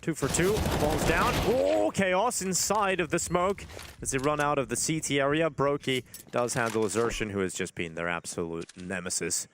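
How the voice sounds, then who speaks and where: A man's voice: medium pitch, normal speed, fairly bright tone, a little hiss or hum. A man commentating on an esports match as a caster, in flowing, narrative sentences.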